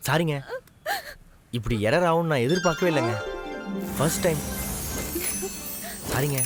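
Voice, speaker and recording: A man's voice: fairly high pitch, moderate pace, lightly acted. An actor playing a shy, joking young man in a film comedy, talking in bashful, playful banter. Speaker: young man Maanik, comic lead. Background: film music score.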